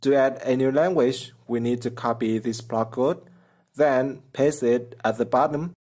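Steady, measured and a little mellow, this medium-pitched man narrates a programming tutorial over screen footage. He explains things plainly, one step at a time, with simple non-native phrasing.

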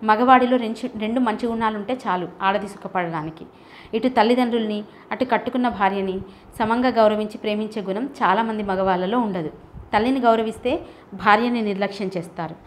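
A woman's voice: medium pitch, fairly quick, slight background noise, close to an everyday voice. A woman voicing a clever, cool-headed young woman who speaks pointedly, in a storybook reading. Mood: earnest. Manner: pointed, teasing. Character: sharp-witted young woman, cool and cutting.

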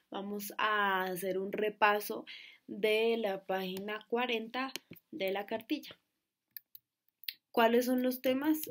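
Slow, patient woman teacher. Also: medium pitch. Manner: slow, patient, repeats words and asks "¿listo?". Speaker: schoolteacher. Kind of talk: classroom lesson.

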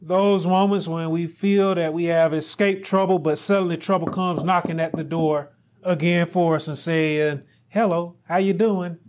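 A middle-aged male pastor delivers a sermon in a fairly high, steady voice. He speaks deliberately and builds to loud, emphatic peaks.

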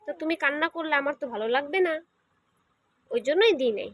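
A woman speaks to her pet in a fond, coaxing baby-talk tone. Her voice sits high and swoops up and down. The sound is close and dry. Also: animated, fast, no echo. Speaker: pet owner vlogger. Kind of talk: talking to a pet.

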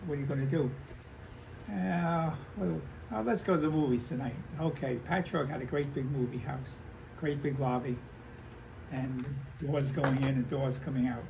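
An American man in his nineties, an old veteran remembering the past in halting, conversational stories, repeating himself and acting out remembered dialogue. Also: mid-range voice, creaky. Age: 90s. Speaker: war veteran interviewee. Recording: noisy handheld home recording.

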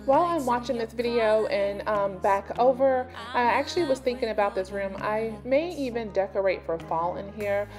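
A woman's voice: fairly high pitch, moderate pace, few pauses, music in the background. A woman in her thirties chatting casually to viewers as a home cleaning vlogger, talking them through her chores. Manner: chatty, addresses viewers directly. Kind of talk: casual voice-over chat.

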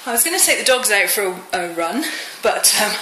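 British woman vlogger, bright but slightly wheezy voice. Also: medium pitch, big pitch swings, a little fast. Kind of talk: casual chatty vlog. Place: rooms at home, indoors. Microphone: handheld phone or camera. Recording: echoey room, some noise and clicks.

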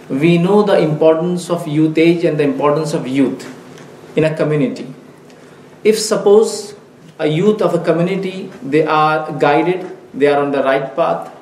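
A man whose first language is Urdu gives a religious lecture in a mosque meeting room, careful, deliberate and earnest. His voice is a little high and a little mellow, picked up by a headset mic in an echoey room with faint hiss.

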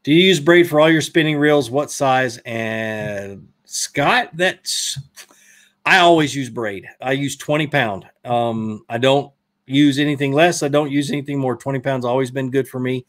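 Speaking at a measured pace in a medium, somewhat bright voice, a Southern-accented fishing channel host from Georgia, in his thirties, fields viewer questions on a live stream. He rambles and corrects himself, talking into a desk microphone in a brick-walled indoor studio.

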